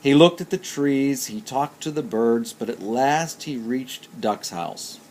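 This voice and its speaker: A man reading a children's story aloud in an expressive, sing-song way. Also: medium pitch, slow pace, slight background noise. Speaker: narrator.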